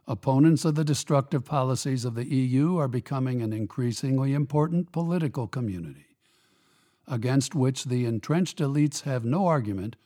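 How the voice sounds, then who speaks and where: A man hosting a radio commentary program, reading a scripted opinion piece in a measured, emphatic, pointed way. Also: medium pitch, dark tone.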